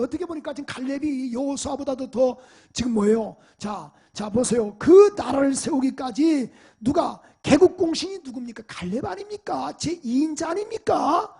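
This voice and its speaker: Gravelly high-pitched male preacher. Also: dark tone. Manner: emphatic preaching with rhetorical questions to the congregation. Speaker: pastor. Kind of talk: sermon. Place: church sanctuary.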